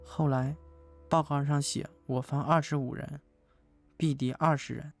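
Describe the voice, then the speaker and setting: An actor playing a soldier who narrates a TV drama in a sober, restrained voice-over. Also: male voice, on the high side, level tone, faint music behind. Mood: sombre, reflective. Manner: restrained, sober, measured phrasing. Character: sombre male soldier recounting a battle in voice-over.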